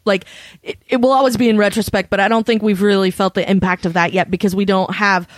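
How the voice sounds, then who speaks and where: A woman's voice: mid-range voice, fairly even intonation, fast talker, no room sound. A woman hosting a podcast in a chatty casual talk, with lots of fillers. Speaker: podcast host. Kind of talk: casual chat.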